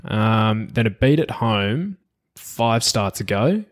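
Australian man, fairly low pitch, casual racing tipster, matey co-host chat. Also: sing-song, slow pace.

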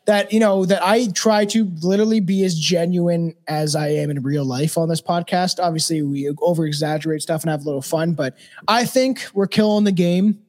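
High-voiced man in his thirties, rambling. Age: 30s. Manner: rambling, swears a lot, many restarts. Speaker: podcast co-host. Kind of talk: casual podcast chat.

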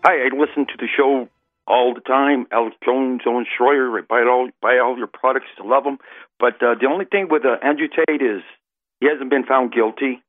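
A man's voice: medium pitch, dry recording, faint music behind. Man on a tinny phone line, nervous. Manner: nervous, halting, restarts often. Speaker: caller. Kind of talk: call-in talk.

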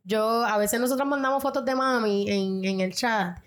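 A woman's voice: a little high, moderate pace. Laughing Puerto Rican woman host. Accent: Puerto Rican Spanish. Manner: animated storyteller who laughs often. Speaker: podcast co-host. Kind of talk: casual chat.

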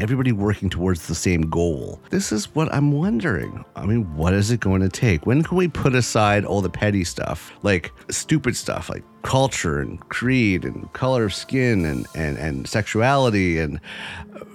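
Male podcast host, fifty, earnest rambler; low voice with a lively pitch, faint music behind. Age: 50s. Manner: earnest, rambling, repeats phrases. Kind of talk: solo podcast monologue.

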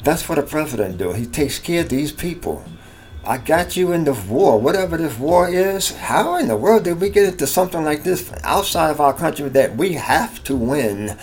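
A middle-aged American vlog host rambles through a natural, unscripted monologue full of folksy slang, repeating himself. He sounds rather high and sing-song at a moderate pace, against clearly noisy background ambience.

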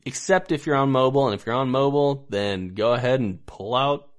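A man's voice: mid-range voice, a little fast. A man co-hosting a podcast in casual comedic chat, jokey and laughing often. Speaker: podcast co-host.

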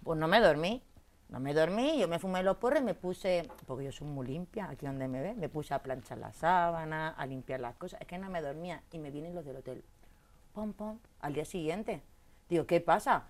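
A woman, an interview guest telling a rowdy story in casual chat, jumping between loud outbursts and low asides. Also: animated, fairly quick. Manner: coarse slangy banter. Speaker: interview guest, tattoo artist.

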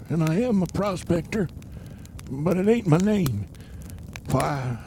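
A man's voice: high-pitched, mellow, slight background noise, full character voice. A man voicing an old prospector who narrates a Western tale in a folksy drawl.

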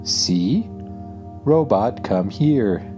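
A man's voice: on the low side, animated, extremely slow, dark tone, faint music behind, pitched above the performer's own voice. A man voicing an eager, matter-of-fact magic spaceship in a children's story, speaking in stiff statements.

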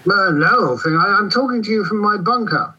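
A man playing a pompous, breezy British army general with a husky voice over a radio link in a comedy. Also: high voice, lively intonation, fairly quick, bright, forceful tone, full character voice. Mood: brisk, superior. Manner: pompous, breezy, clipped, condescending. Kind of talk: comedy radio character acting. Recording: dull radio-like line.

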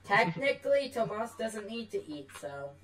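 A woman's voice: mid-range voice, sing-song, moderate pace. A woman talking casually as a player during a tabletop role-playing game.

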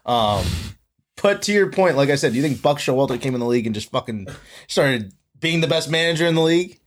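A young man co-hosting a casual sports chat, arguing in an animated, profane way. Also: medium pitch, brisk.

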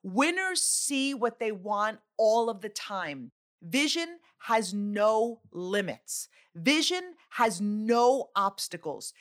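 A woman delivers a motivational speech as the host of a coaching show. She is emphatic and exhorting, driving points home in short, repeated phrases. Her voice sits at an average pitch for a woman. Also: a bit bright.

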